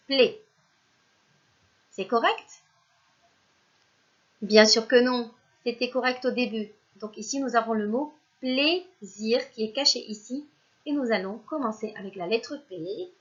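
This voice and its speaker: Lady teacher doing a phonics lesson for little kids, high-ish voice, really slow, dull lo-fi sound. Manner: slow and patient, sounding out syllables one by one; speaks directly to the pupils as if they are present, praising them. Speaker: primary school teacher. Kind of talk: recorded remote reading lesson for young children.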